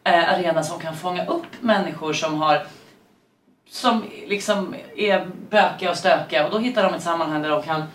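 A woman in relaxed conversation, rambling through stories with lots of fillers and side remarks. She sits a little away from the microphone in an echoing room. A faint noise hangs under her voice. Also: fairly low pitch. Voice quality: talkative, digressive with many fillers. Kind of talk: casual chat. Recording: roomy and distant with faint noise.

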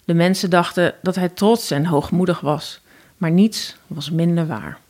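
Calm Dutch woman telling a fairy tale. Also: lowish voice, measured pace. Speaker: storyteller. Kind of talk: scripted fairy tale narration.

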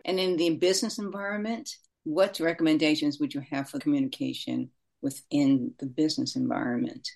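A woman's voice: low voice, fairly even intonation, a little fast, gravelly, few pauses, darkish tone, soft background music. A woman hosting a podcast, asking questions and giving appreciative comments. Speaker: podcast host. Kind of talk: casual podcast interview.

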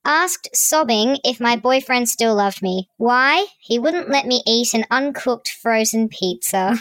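A woman reading out short anonymous submissions in a flat, deadpan way. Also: fairly high pitch, a little slow, rough recording.

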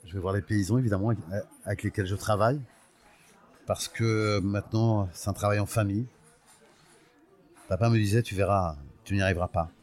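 This sixties-aged Portuguese man, an olive oil producer appearing as an interview guest, has a low, slightly mellow voice, fairly even intonation and a somewhat fast pace broken by long pauses. Telling his story thoughtfully, he often hesitates over words and speaks with fond pride for his home region.

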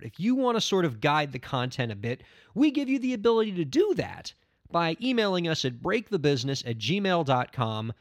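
A man's voice: fairly high pitch, dry recording, studio quality. A man in his thirties hosting a podcast on his own, chatting casually and rambling in a self-mocking way. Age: 30s. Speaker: podcast host. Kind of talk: casual solo podcast talk.

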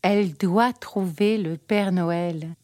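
A woman reading a children's storybook aloud in a calm, measured way. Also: fairly low pitch, dry recording. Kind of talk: storybook read-aloud narration.

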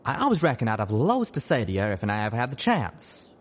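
Man doing a drawling folksy pegasus guy, wry, animated pitch. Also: normal speed. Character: young male pegasus pony, folksy wisecracking friend.

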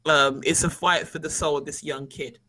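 A man, co-hosting a casual film chat and retelling scenes in an animated way. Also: on the high side, normal speed, rough recording. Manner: animated storytelling, acts out quoted lines. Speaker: podcast co-host.

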